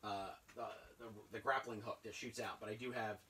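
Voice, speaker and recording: A man in his thirties chatting casually and rambling with excitement as he unboxes old toys in a cluttered basement room. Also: lowish voice, a little fast, distant mic, slight background noise. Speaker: toy collector vlogger. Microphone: camera a few feet away.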